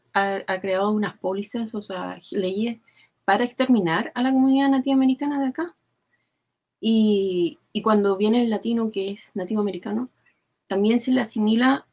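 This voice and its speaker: A woman from Chile with a Chilean accent, giving earnest, thoughtful answers as an interview guest and often pausing to search for words. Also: mid-range voice, darkish tone. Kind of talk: explanatory interview talk.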